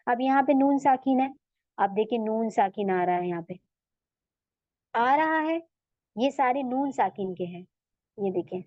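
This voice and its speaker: A woman teaching Quran recitation in an online lesson. She explains patiently and repeats Arabic words slowly. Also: on the high side, expressive, dry recording. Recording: dull, dry, lo-fi recording.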